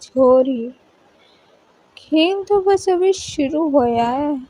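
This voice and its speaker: Riya, a sassy Haryanvi college girl voiced by a woman, teasing in slow, stretched-out lines with a high, mellow tone. It is a storybook reading, and the speech stays unhurried and playful. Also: animated, dry recording, heavily acted, poor audio.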